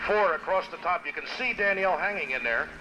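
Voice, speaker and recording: A man's voice: sits high, animated, fast talker, highs cut off. A man giving folksy live airshow commentary, counting off and calling out maneuvers as they happen. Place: outdoor airshow. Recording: noisy outdoor PA with aircraft engines. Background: propeller aircraft engine noise.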